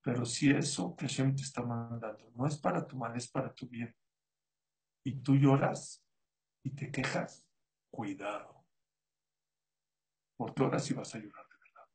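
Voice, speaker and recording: A man giving a sermon as a rabbi, animated, acting out the voices he quotes. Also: mid-range voice, a little slow, pauses often, poor audio.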